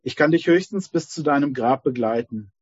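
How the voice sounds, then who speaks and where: A man voicing a king's patient, gentle second wife, husky and apologetic, on a dull, dry lo-fi recording. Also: mid-range voice, expressive, normal speed, dry recording.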